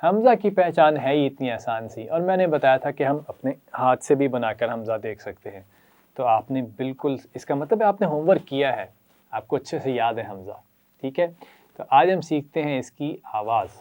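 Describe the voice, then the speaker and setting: A man with a Pakistani Urdu accent leads a children's Quran reading lesson. He keeps up steady praise and has the class repeat letters after him. His voice is dark and mellow. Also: mid-range voice. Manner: encouraging, praises often and leads repetition.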